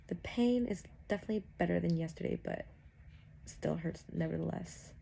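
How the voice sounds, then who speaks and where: Young woman vlogger, low gravelly voice, soft and near-whispered delivery, noisy home recording. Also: normal speed. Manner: soft, low-key, filler-heavy, sometimes near a whisper. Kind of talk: casual vlog narration.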